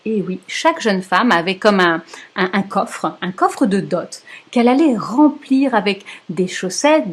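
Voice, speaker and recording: A woman presenting a knitting history lesson in a chatty storytelling way, with asides and jokes for her viewers. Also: fairly high pitch. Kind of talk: casual storytelling lecture.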